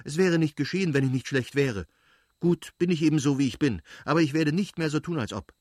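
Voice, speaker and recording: A man reading an audiobook, voicing a proud, quick-tempered young noblewoman in agitated, self-reproaching outbursts. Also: medium pitch, lively intonation, dry recording, studio quality, voice pushed up, lightly acted.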